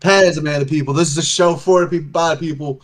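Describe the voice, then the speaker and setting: A young man, a co-host of a casual gaming talk show, jokes and banters crudely. His voice sits a little high. He is heard through an online voice call. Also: fairly even intonation, very fast, poor audio. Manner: loud, joking, crude banter. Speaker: podcast co-host.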